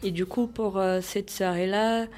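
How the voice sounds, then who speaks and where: A woman's voice: mid-range voice, fairly even intonation, normal speed, a little mellow. A young woman of Brazilian origin answering interview questions casually, with many restarts and fillers. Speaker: interviewee, member of a cultural group.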